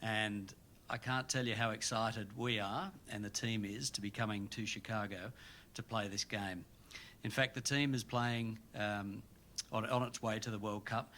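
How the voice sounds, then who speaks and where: A man speaking as a rugby union official at a press event, steady and formal. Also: lowish voice, moderate pace, slight background noise. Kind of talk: press event speech and interview.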